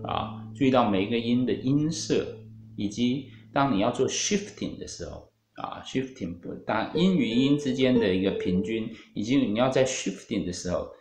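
A man's voice: mid-range voice, animated, normal speed, darkish tone. A man with a Taiwanese Mandarin accent teaching a guitar lesson, explaining patiently with many fillers and English music terms. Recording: roomy, guitar playing at times.

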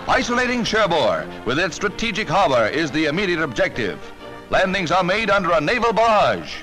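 A man's voice: sits high, big pitch swings, brisk, poor audio. A man narrating a 1940s newsreel in a rousing, emphatic announcer style, with the sound of an old newsreel. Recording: narration over loud orchestral music.

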